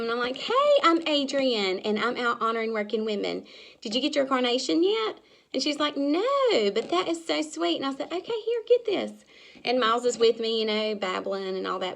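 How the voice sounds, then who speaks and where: A young woman giving a chatty, energetic business talk, acting out her sales pitches in a bright, high voice. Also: gravelly. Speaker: business trainer. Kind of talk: casual instructional talk.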